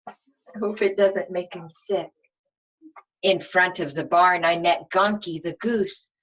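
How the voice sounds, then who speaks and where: Reading to her young pupils, a teacher uses a lowish voice, animated delivery, and easy wording, occasionally stopping to ask questions. The recording has its highs cut off.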